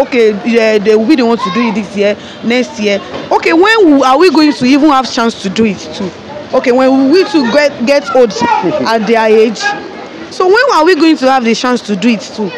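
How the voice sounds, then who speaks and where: A woman's voice: high-pitched, animated, normal speed. Hesitant young Nigerian woman on street. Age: young adult. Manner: hesitant, searching for words, many fillers. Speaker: interviewee. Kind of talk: street interview answer. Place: outdoors by a painted wall. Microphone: phone held close by interviewer. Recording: street noise behind.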